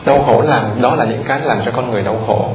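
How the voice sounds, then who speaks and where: This Buddhist monk speaks quickly in a mid-range voice, giving a chatty dharma talk to a lay audience in which he repeats words and puts questions straight to them. A slight hiss or hum runs under the roomy, muffled, lo-fi recording, where the audience is audible.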